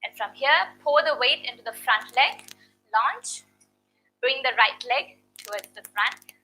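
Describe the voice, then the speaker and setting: Woman yoga instructor, high bright voice, guiding poses and counting breaths, slightly winded. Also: lively intonation, unhurried, faint music behind, low-quality recording. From India. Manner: counts reps, checks in with frequent "okay?". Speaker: yoga teacher. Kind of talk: guided yoga class instruction.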